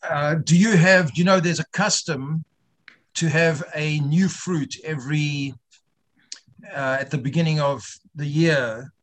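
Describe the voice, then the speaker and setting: A man with a fairly high voice and fairly even intonation teaches an informal online religious class. He speaks haltingly, repeats himself, and develops his points by asking the students questions.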